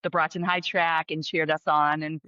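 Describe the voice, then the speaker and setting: A woman's voice: sits low, moderate pace, no echo. A woman, a special education teacher chatting as a podcast guest, with lots of fillers and restarts. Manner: chatty, many fillers and restarts, bursts of excitement. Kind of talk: casual interview conversation. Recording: dull, muffled sound.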